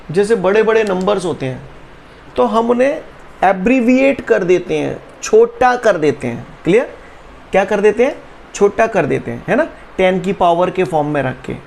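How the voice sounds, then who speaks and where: A man's voice: high voice, vocal fry, slight background noise. A male physics teacher, giving an online class. He teases the students, keeps asking whether they follow, and drills them in chants. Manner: teasing, repeats questions to students, drills chants.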